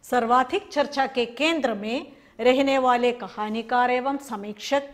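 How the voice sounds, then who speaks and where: A woman teacher giving a recorded Hindi class, explaining a story slowly and asking and answering her own questions. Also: on the high side. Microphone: recorded for an online class video.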